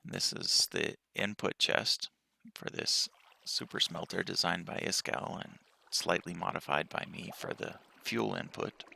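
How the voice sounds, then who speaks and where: A man giving a relaxed tour of his game world with a just-woken-up morning voice, pausing often and speaking softly. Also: low-pitched, gravelly. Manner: relaxed walkthrough with frequent pauses and fillers. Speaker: game player.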